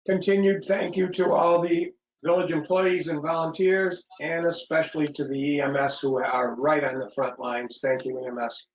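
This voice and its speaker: A man's voice: a little high, level tone, moderate pace, hardly any pauses, echoey room. A man on a village board speaking briefly and matter-of-factly in a meeting held over a video call. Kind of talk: casual meeting talk. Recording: muffled video call audio.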